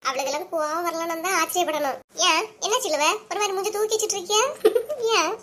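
A woman's voice: extremely high pitch, fast, fairly bright tone, a little hiss or hum. A woman voicing several chatty, scolding village women in a cartoon, speaking with a Kanyakumari Tamil accent. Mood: gleeful. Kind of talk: cartoon voice acting.

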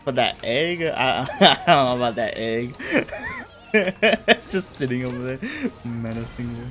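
A Californian man in his thirties streams a game from a room at home, chatting casually and laughing a lot. His medium-pitched voice is animated and a bit bright, with a measured pace, and faint game music plays behind him.

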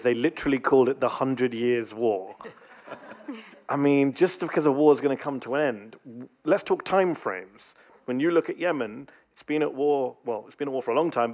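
A man's voice: mid-range voice, normal speed, a little mellow. A man in his thirties with an English accent, moderating a conference panel with probing questions at a table microphone. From England.

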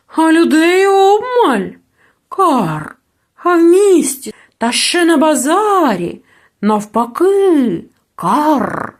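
Abraxas, a croaking raven played by a woman. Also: high-pitched, exaggerated voice. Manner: croaks "caw" between phrases. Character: cawing raven companion, chatty and lonely.

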